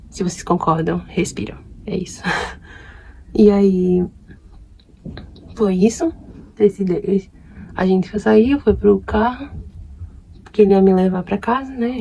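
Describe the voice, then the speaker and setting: A woman's voice: mid-range voice, creaky, breathy edge, rough recording. A young woman from Brazil gossiping casually about her dates while doing her makeup. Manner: chatty, gossipy, animated retelling. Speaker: beauty vlogger.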